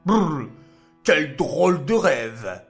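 A man's voice: fairly high pitch, sing-song, extremely slow, soft background music, heavily acted. A man voicing a humble, earnest servant of a king in a children's story. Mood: hurried. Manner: earnest, deferential. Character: humble king's servant, eager.

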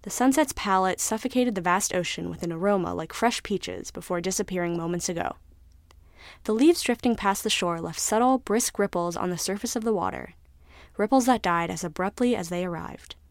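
A woman narrating a scripted story in a measured, even way. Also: mid-range voice, dry recording, clean studio sound.

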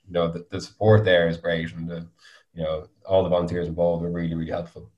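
A man's voice: deep voice, completely flat delivery, fast talker, darkish tone, dull audio. A man with a west of Ireland accent chatting casually as an interview guest, loosely phrased and full of filler phrases. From Galway, west of Ireland. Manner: hesitant, frequent 'you know' and 'kind of' hedging. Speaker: guest, volunteer youth mentor. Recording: roomy, echoey sound.

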